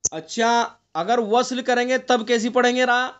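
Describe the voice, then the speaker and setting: A man teaching Quran recitation in an online class, asking his students questions and going over the rules step by step, with slow drawn-out recitation of the verses. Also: very high voice, fairly even intonation, fairly bright tone, clean tone, dull audio.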